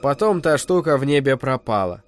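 A man reading a novel aloud as narrator, with measured, expressive storytelling. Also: mid-range voice, soft background music. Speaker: audiobook narrator. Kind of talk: scripted narration.

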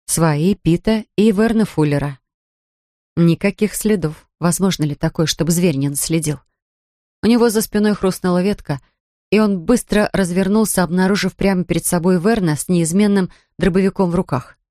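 An audiobook narrator reading a suspense novel in a measured, even way. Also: mid-range voice, dry recording, clean studio sound. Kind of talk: scripted narration of a thriller.

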